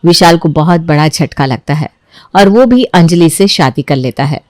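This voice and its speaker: A woman narrating an animated family story in a plain storytelling voice. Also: low-pitched, moderate pace, no echo, studio quality.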